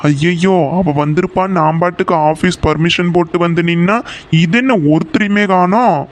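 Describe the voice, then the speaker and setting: Guy doing a high-voiced smitten cartoon dude with kongu tamil accent, all pleading and flustered. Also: steady tone, moderate pace, close to an everyday voice. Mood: worried. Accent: Kongu Tamil (Coimbatore). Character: lovestruck young office-working man, timid and pleading. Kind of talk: cartoon voice acting.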